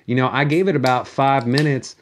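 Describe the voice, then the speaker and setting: A man's voice: mid-range voice, slight background noise. Foul-mouthed, stammering man on a comic rant. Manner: halting, repeats words and stammers. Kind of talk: rambling profane comic monologue.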